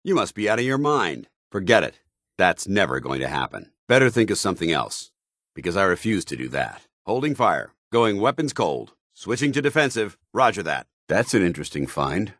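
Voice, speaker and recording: Stern male military paladin, video game companion, clipped and authoritative, righteous, widely swinging pitch, dry close sound. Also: sing-song, moderate pace, fairly bright tone, no echo, exaggerated voice. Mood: stern, disapproving, then crisp, alert, then approving, calm.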